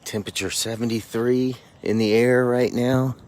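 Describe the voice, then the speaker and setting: A man's voice: medium pitch, level tone, normal speed, darkish tone, a little hiss or hum. A man hosting a casual morning beach report outdoors, chatting politely and encouragingly. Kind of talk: casual vlog narration and chat.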